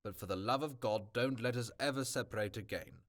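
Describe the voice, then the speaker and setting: A man reading aloud as a brisk, cheerful older male professor, stumbling over words now and then. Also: mid-range voice, natural voice. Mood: cheery. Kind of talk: amateur audiobook reading.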